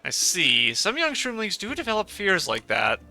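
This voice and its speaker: A man reading the lines of a gentle, wise woman shopkeeper who speaks in proverbs, in a calm, measured way. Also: high-pitched, faint music behind, pitched above the performer's own voice, full character voice.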